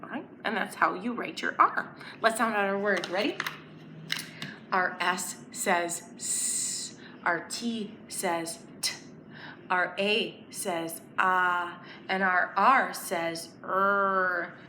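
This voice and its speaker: Speaking slowly in a voice on the low side, a woman runs a story time for young children, lively and crisp as she encourages them to join in with letters, songs and counting rhymes. There's a roomy echo and faint background noise.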